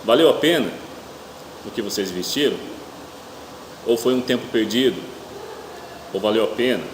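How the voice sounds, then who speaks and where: A middle-aged Brazilian man preaching a church sermon haltingly, his speech slightly hampered by a toothache, often posing rhetorical questions. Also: on the low side, animated. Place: indoor church hall with noisy ambience. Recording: echoey reverberant hall, clear room hum.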